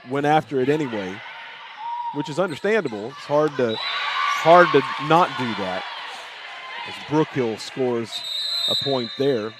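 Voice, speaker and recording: A man doing play-by-play commentary for a school volleyball match, rising to shouts on big plays. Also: medium pitch, lively intonation, a little slow, noisy background. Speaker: play-by-play announcer. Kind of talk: sports commentary.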